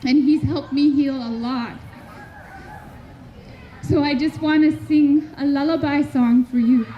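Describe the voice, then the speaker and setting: A woman from Canada giving a heartfelt public address at a community memorial gathering, speaking slowly and earnestly with measured pauses between phrases. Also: high-pitched, mellow. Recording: dull lo-fi recording with faint background noise.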